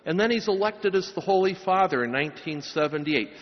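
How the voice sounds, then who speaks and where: A middle-aged pastor preaches a sermon and gives a blessing at a pulpit microphone in a large church, with emphatic, rising phrases. His high voice is expressive and brisk, and the recording has long church reverb and a dull sound.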